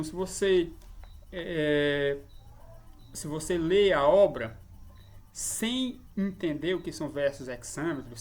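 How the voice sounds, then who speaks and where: Hesitant Brazilian man explaining verse. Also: fairly high pitch. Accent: Brazilian Portuguese. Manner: hesitant, explanatory, constant tag questions. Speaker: book commentator. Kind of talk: improvised book commentary.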